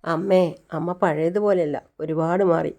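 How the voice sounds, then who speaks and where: A woman's voice: lowish voice, fairly even intonation, a little slow, mellow. A woman voicing a jealous, sulky little girl in a retold TV serial, speaking in a petulant, refusing way. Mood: complaining.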